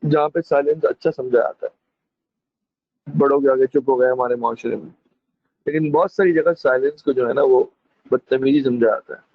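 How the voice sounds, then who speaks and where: A male teacher gives a classroom lecture, calling students friends, mixing in English phrases and demonstrating with lively emphasis. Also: mid-range voice, normal speed, pauses often, no echo. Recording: dull lo-fi dry recording.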